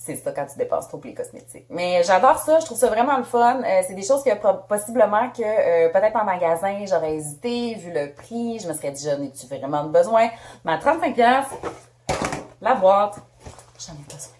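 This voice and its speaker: A woman's voice: medium pitch, expressive, moderate pace, darkish tone, reverberant. Bubbly Québécoise woman unboxing makeup. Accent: Québécois French. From Canada. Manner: bubbly, chatty, laughs often. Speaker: beauty vlogger. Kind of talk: casual unboxing chat.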